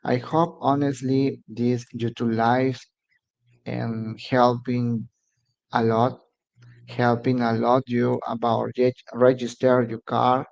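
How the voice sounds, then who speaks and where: Hosting a casual live stream for his immigration advice channel, a Mexican man whose first language is Spanish speaks English with a Mexican Spanish accent, pausing to search for words. His mid-range voice is slow and a little mellow, with vocal fry and little pitch movement, and the recording sounds muffled.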